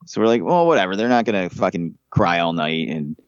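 A man telling a long, profanity-laced story in casual chat, animated and fed up. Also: deep voice, fairly quick, clear, resonant tone, lo-fi sound.

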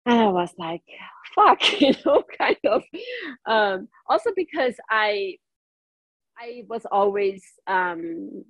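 Her mid-range voice is expressive, slow and fairly bright, though the audio is poor and has no room sound. She's a German-accented woman from northern Italy whose first language is German. As a guest in a casual interview she hesitates often, fills gaps with ums, and laughs between lines.

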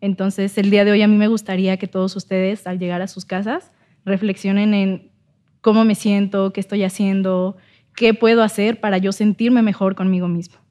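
A young woman talks gently and encouragingly as a podcast guest. Her voice is mellow and dark, and her pitch barely moves. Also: flat delivery, moderate pace. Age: young adult. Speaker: psychology student guest. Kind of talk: casual podcast conversation.

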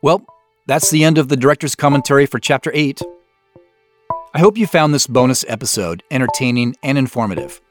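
A show's creator, a man with a medium-pitched, animated voice, delivers scripted behind-the-scenes commentary. He explains in a measured way, with faint music playing behind him.

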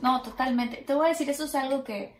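A woman's voice: high-pitched, quick pace, background noise. A woman chatting casually and giving relationship advice in an emphatic way. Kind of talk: casual chat. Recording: roomy echo.

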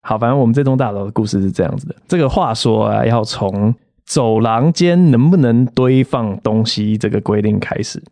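A man's voice: medium pitch, normal speed, mellow, no room sound, studio quality. Exasperated man ranting on a podcast. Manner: exasperated, rant-like storytelling with quoted voices. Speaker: podcast host and comedian. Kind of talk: comedic solo podcast monologue.

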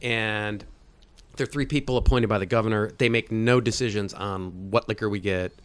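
A man's voice: on the low side, steady tone, normal speed, clean tone. A man in his mid-fifties, a guest in a casual interview. He explains things at length in a rambling way, often breaking off and restarting his sentences. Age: 50s. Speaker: guest, state agency head.

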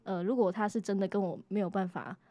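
A woman guest on a podcast, speaking in a relaxed, reflective way. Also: mid-range voice, quick pace. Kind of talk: casual chat.

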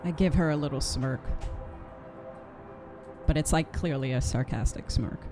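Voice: mid-range voice, unhurried, over music. A player in a tabletop role-playing game making short, dry remarks and describing actions.

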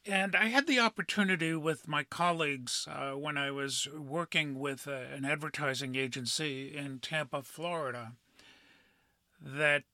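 A middle-aged man hosting a podcast, telling a story in a measured way with frequent pauses and "uh" fillers. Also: on the high side, sharp tone, no room sound. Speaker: podcast host. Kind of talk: storytelling monologue.

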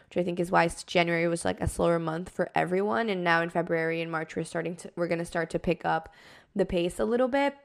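A woman's voice: fairly low pitch, creaky. A woman podcast host explaining things in a casual, conversational and reassuring way, with frequent filler words like "like" and "kind of".

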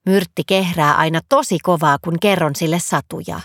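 A woman voicing an excited, curious little girl in a storybook reading. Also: on the low side, no echo, studio quality, close to an everyday voice. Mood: eager.

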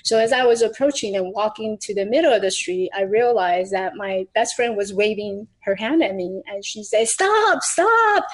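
A woman's voice: medium pitch, animated, moderate pace, hardly any pauses, low-quality recording. A middle-aged woman from Taiwan, a podcast guest, recounting her personal story earnestly, with frequent restarts.

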